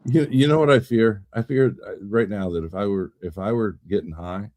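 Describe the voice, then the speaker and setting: A podcast host with a fairly low, darkish voice talks at normal speed in a casual political chat. He rambles, repeats words, and swears when he gets riled up. The recording is dry.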